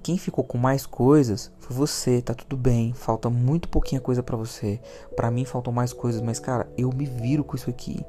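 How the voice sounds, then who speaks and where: A man with a Brazilian accent, hosting a podcast and telling a personal story in a lively way, repeating words for emphasis. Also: medium pitch, normal speed, few pauses, faint music behind. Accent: Brazilian Portuguese. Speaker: podcast host.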